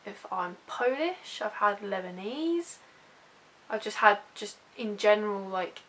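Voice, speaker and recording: A young British woman vlogging on YouTube chats informally to camera, rambling a little and teasing herself. Her medium-pitched voice is expressive and fairly bright, and she speaks a little slowly.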